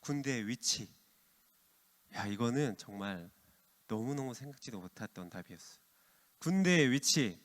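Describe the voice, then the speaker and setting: A middle-aged man preaching to teenagers as youth pastor, lively and calling them by name. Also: medium pitch, a little slow, long pauses. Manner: lively, addresses teens by name. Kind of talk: youth sermon with quiz. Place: church hall. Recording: long hall reverb.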